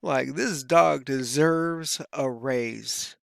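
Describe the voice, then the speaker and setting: This crypto vlogger, a man from California, chats to camera in a rambling, easygoing way packed with fillers. His mid-range voice is creaky and a bit worn, with drawn-out words, captured as a dry, clean studio recording.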